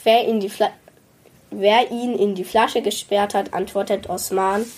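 A woman reading a children's story aloud in a calm, even way. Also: medium pitch, measured pace.

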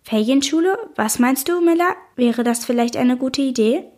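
A woman reading an audiobook, voicing a friendly, mischievous young woman who speaks in a warm, encouraging way. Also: sits high, expressive, moderate pace.

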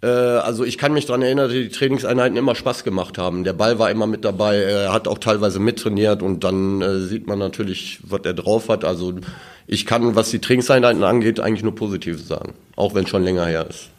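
A man co-hosting a podcast speaks in a low, everyday voice. He asks his questions plainly and picks his way through his memories with many pauses and fillers. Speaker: podcast co-host, former player. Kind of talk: casual conversation.

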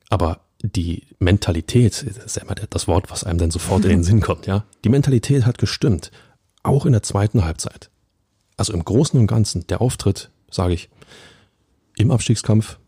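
Deep dark-voiced man talking football. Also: moderate pace, long pauses, slightly rough, no room sound, clean studio sound. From Berlin. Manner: emphatic, colloquial, addresses listeners directly. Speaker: football pundit. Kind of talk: casual football podcast chat.

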